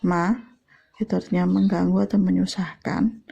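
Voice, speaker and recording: A woman teaches a language class at an unhurried, careful pace, stretching out each example sound. Her voice sits low, with a husky, gravelly grain. The recording sounds dull and lo-fi. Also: warm tone. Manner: slow, deliberate, drawn-out demonstrations. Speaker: Mandarin teacher. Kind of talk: classroom lesson explanation.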